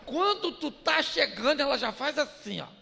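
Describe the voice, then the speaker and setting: A man's voice: extremely high pitch, big pitch swings, moderate pace, vocal fry, bright, forceful tone, a little hiss or hum. An older man, preaching a humorous sermon, joking and acting out household dialogues. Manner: jokey, acts out household dialogues, laughs often. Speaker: pastor. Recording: long reverb of a large hall.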